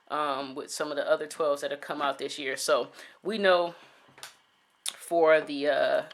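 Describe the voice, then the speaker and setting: A man's voice: a little high, fairly bright tone. Laid-back man reviewing sneakers. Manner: laid-back, many "um" fillers, talks to "you guys". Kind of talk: casual product review.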